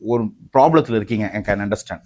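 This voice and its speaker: A man's voice: on the low side, normal speed, darkish tone. A man speaking as a party spokesman in a heated interview, combative and mocking, talking over the interviewer.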